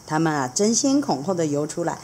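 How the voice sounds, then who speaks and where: A woman teacher reading a picture book aloud to children, animated and asking them questions along the way. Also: sits low, a little fast, slight background noise. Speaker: children's art teacher, storyteller.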